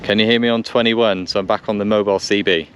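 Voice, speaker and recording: Fast and steady in tone, a lowish male voice delivers casual commentary and radio calls during a two-way radio test on a country lane. The vlogger repeats himself as he thinks aloud, and the lo-fi outdoor recording is noisy with vehicles.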